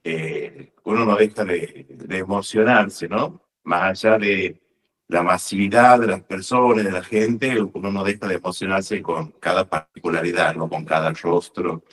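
A man's voice: low-pitched, a bit bright. A man from Argentina, a parish priest, answering in a hesitant way with many fillers and tag questions. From northern Argentina. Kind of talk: casual interview answers. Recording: voice a bit far from the mic.

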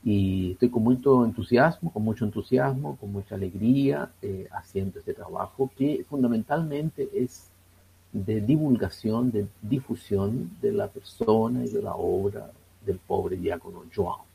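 A man's voice: lowish voice, gravelly, warm tone, husky. A Chilean man in his sixties, a priest speaking as a guest in a radio interview, hesitant and full of fillers. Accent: Chilean Spanish. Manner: slow and hesitant, many fillers.

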